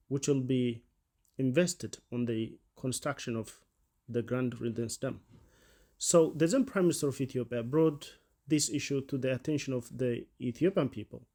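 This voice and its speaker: A man presenting and narrating a scripted explainer in a formal, measured way. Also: medium pitch, warm tone.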